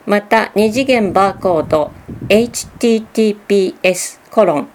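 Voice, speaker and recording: A woman announcer reading public information notices, slowly and carefully spelling out phone numbers and web addresses. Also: mid-range voice, darkish tone, a little hiss or hum.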